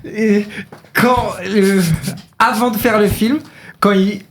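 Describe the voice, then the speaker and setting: High, slow, childlike tongue-tied guest. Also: male voice, steady tone, a bit bright, a little hiss or hum. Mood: eager, confused. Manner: stammering, groping for words. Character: childlike, tongue-tied, eager male talk show guest. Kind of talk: comedy sketch character voice.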